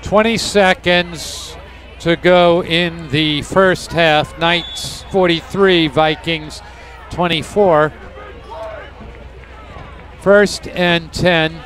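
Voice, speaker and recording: A man giving live commentary on a high school football game in an easygoing, laid-back way. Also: fairly even intonation, extremely slow, long pauses, a bit bright, some chatter behind. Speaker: color commentator.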